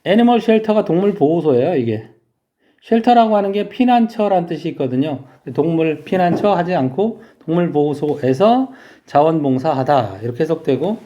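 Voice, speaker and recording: A man's voice: on the high side, expressive, normal speed, dark tone, dull audio. A man teaching English vocabulary in a lecture, explaining step by step and asking his students questions.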